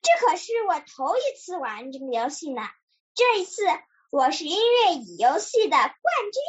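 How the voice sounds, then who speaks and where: A woman voicing a cheerful little bear cub in a children's story, eager and excited. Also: very high voice, unhurried, dull audio.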